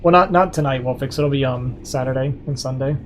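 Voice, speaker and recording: A young man, a streamer and caster, talks casually from his computer with music in the background. He speaks at a medium pitch and a little fast, his voice fatigued, rambling in an upbeat way full of fillers.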